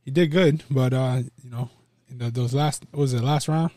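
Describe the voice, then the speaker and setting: A man co-hosting a podcast, chatting casually about boxing in a relaxed way. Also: medium pitch, moderate pace, no room sound, studio quality. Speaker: podcast co-host.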